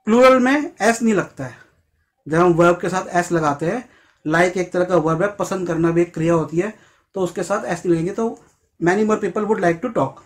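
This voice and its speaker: A man teaching English grammar in Hindi, spelling out and slowly repeating English phrases, and acting out short quoted scenes. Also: high voice. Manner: acts out little quoted scenes with a raised voice.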